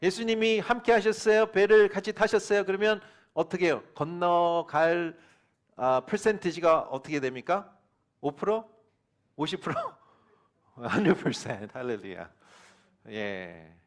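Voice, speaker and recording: A man's voice: expressive, a little slow. A middle-aged man preaching a sermon as pastor, mixing English phrases into his talk and questioning the congregation, acting out quoted voices. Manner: acts out quoted voices with rising pitch and volume. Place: church sanctuary.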